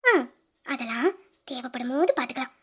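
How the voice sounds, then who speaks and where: A performer voicing a shy, soft-spoken young woman with firm principles, in an audio drama. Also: sits high, very animated, brisk, slightly rough, heavily acted.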